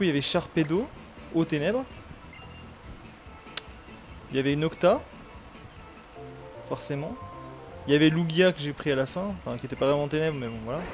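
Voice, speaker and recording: Chatty man, rambling stream talk. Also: fairly high pitch. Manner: rambling, chatty, lots of fillers. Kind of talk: casual gaming stream chat.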